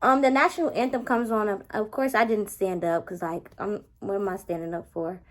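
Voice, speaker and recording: A woman in her twenties telling a date story in a casual vlog, animated and exasperated, full of profanity and acted-out dialogue. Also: medium pitch, a little fast. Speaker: vlogger.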